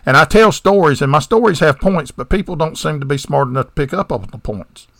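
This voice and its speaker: A man's voice: fairly high pitch, lively intonation, fairly quick, creaky, fairly bright tone, dry recording, clean studio sound. A man with a Southern American accent co-hosting a podcast, retelling a movie plot in casual chat with rambling digressions and sarcastic asides. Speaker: podcast co-host.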